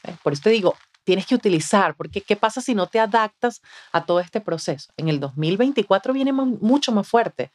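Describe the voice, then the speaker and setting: A Venezuelan communication mentor speaks a little fast in a medium-pitched voice during an animated podcast-studio interview. She's expressive, acts out the voices of people she quotes, and often drops in "¿ves?".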